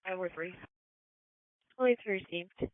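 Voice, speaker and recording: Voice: medium pitch, unhurried, dry recording. A police radio dispatcher giving clipped, procedural calls over the radio. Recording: narrowband, phone-like police scanner radio.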